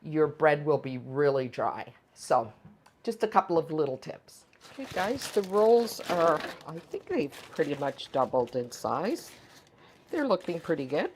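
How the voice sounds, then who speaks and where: Low-voiced woman chatting while baking. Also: unhurried, slight background noise. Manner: chatty, relaxed, thinks aloud with fillers; tastes food while talking. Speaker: home baking channel host. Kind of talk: casual cooking vlog.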